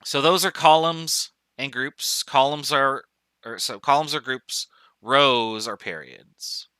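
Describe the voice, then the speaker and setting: Bright, crisp-voiced man lecturing casually. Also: mid-range voice, no echo. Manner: casual, joking, thinks aloud with fillers. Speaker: chemistry professor. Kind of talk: online lecture.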